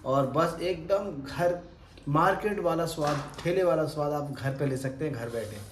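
Talking at normal speed in a voice on the high side, a thirty-something cooking vlogger leads a casual home cooking demo. He's chatty, speaking to viewers like friends, and the close phone recording captures a roomy tiled kitchen and faint background noise.

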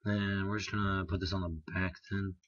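A young man with a hoarse, strained voice, muttering halting let's play commentary full of ums. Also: deep voice, flat delivery, dry recording, muffled recording. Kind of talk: casual gameplay commentary.

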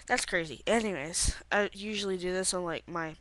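A woman's voice: fairly low pitch, normal speed, fairly bright tone, a little hiss or hum. A young woman vlogging late at night on her laptop webcam at home, rambling and giggling, sleepy and yawning. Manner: rambling, giggly, lots of filler words. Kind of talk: casual video diary. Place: bedroom at home.

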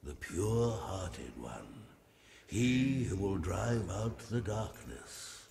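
A man's voice: lowish voice, expressive, creaky, darkish tone, slight background noise, exaggerated voice. An actor playing an ancient talking tree in a video game, wise, weary and stately, drawing out his words. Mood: stately, wry. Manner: stately, slow, drawn-out.

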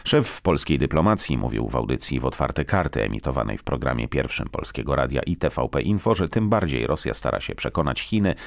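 A man's voice: rumbling low, a little fast, gravelly, few pauses, no room sound. A man reading a formal radio news bulletin in a studio. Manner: steady, formal newsreading.

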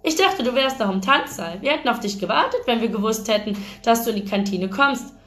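A woman's voice: a little high, lively intonation, fairly quick, a bit bright, faint music behind. A woman voicing a mean teenage girl who speaks in a falsely sweet, mocking way, read aloud from a novel.

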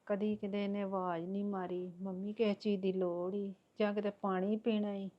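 An actress playing a lonely older mother who laments softly and slowly. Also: medium pitch, level tone, dull audio, close to an everyday voice. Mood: mournful. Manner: soft, slow, mournful. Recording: quiet voice from far off.

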